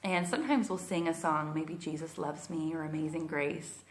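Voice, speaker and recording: A woman's voice: low voice, fairly even intonation, moderate pace, slight background noise. A woman with an encouraging, sing-song kindergarten-teacher voice, leading young children through a read-aloud and circle-time lesson. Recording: roomy, echoing indoor sound.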